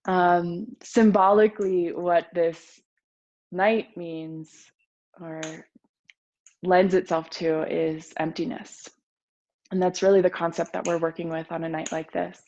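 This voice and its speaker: A woman yoga teacher guiding a meditation in a gentle, soothing voice with pauses. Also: fairly low pitch, level tone, muffled recording. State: a little nervous. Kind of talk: guided meditation talk.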